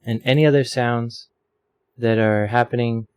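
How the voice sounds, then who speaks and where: Sitting at a home desk microphone in a room with a fan running, a man rambles through a casual tutorial on his audio filter settings, self-deprecating and full of fillers. His mid-range voice is steady and smooth, and he speaks a little slowly.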